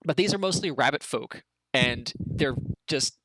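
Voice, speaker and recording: A man narrating a tabletop game as game master, in an informal, slangy, halting way. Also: medium pitch, animated, noisy background.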